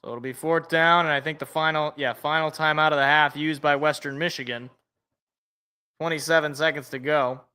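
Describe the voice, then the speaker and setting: Calling a football game live in a casual way, this man swings from excited shouts to muttered asides as he reacts. His voice is smooth and fairly high, at a moderate pace.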